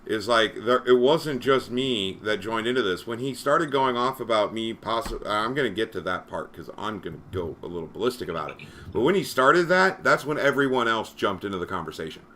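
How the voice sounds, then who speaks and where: A man's voice: lowish voice, animated, fairly quick, a bit bright. A man who moderates a Discord, ranting on a livestream in an exasperated, profane way. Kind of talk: livestream rant.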